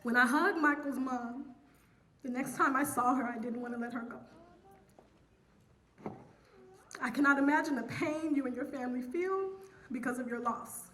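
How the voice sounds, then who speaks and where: A woman's voice: high-pitched, a bit bright, slight background noise. Solemn woman dean giving a tribute. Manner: measured, solemn prepared reading. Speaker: academic dean. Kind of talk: formal memorial tribute speech.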